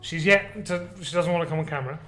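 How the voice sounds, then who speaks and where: Picture an upbeat man with a Scouse accent and a fairly high voice, hosting a casual podcast chat. He jokes easily with his co-host and nudges listeners to subscribe. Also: fast talker, a bit bright, a little hiss or hum. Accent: Liverpool Scouse. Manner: upbeat, jokey, plugs the show.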